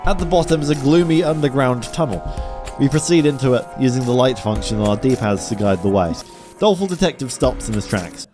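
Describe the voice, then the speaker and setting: A man streams a visual novel, reading it aloud theatrically and tossing in casual commentary as he narrates live. His mid-range voice is expressive and brisk, with video game music playing behind him.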